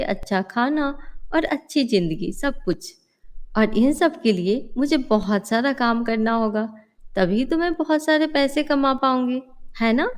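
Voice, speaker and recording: A woman's voice: high-pitched, a little mellow. A woman playing a devoted, hardworking mother.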